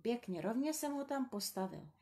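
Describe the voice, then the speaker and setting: A woman reading a children's story aloud, gentle, slow and tender. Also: fairly high pitch, animated.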